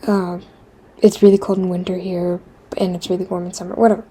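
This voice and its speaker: This woman vlogger's voice is fairly low with a breathy edge, and she talks a little fast. She draws as she tells a meandering, casual storytime, interrupting herself, using lots of fillers, and adding dry deadpan comments.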